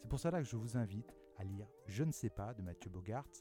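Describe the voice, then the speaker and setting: A man hosting a radio culture segment, reading a book excerpt aloud in a measured way. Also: fairly low pitch, animated, over music. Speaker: radio magazine host.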